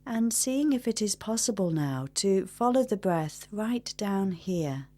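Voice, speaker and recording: Her mid-range voice is animated, yet she leads the guided meditation gently and in measured fashion. Long pauses separate each instruction.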